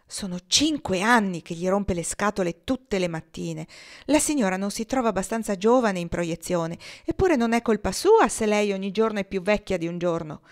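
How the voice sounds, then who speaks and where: A woman's voice: medium pitch, animated, normal speed, a little mellow, close to an everyday voice. A woman reading aloud, voicing a sardonic middle-aged Russian woman who works in film costumes. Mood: exasperated.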